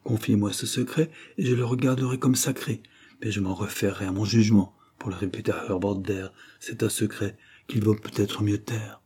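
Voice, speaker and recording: A man voicing a calm, principled gentleman in an audiobook, measured and restrained. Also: on the low side, slightly rough. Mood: firm, calm. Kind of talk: audiobook character reading.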